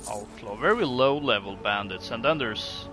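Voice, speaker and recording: A man's voice: mid-range voice, animated, normal speed. A man giving casual let's play commentary, musing and thinking aloud in a hesitant way. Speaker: gaming video host. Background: game music.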